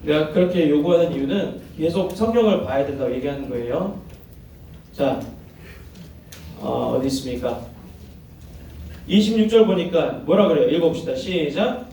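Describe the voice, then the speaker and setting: A man's voice: fairly high pitch, normal speed, pauses often, mellow, recorded from a distance, a little hiss or hum. A man preaching to young people, often asking them questions and acting out the voices in the story he tells. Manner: asks the audience questions, acts out quoted voices. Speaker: youth pastor. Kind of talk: interactive sermon to teens. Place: church hall. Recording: very echoey hall, heard from afar.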